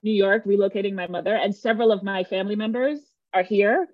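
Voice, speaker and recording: A workshop facilitator from Jamaica, she teaches a live online session in a medium-pitched voice at a quick pace. Her manner is earnest and emphatic, with frequent check-ins with listeners, captured on a dry recording with dull audio.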